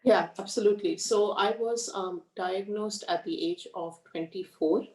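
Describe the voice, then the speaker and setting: A middle-aged woman, speaking as an interview guest in a frank, measured way with many fillers. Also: medium pitch, a little mellow. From India, raised in Australia. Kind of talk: conversational interview. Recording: echoey room, far from the mic.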